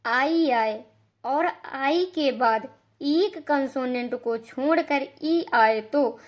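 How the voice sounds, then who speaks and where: With a high voice, a woman teaches the rules of English pronunciation in a slow, classroom style. She explains patiently, goes over each rule more than once, and spells out example words.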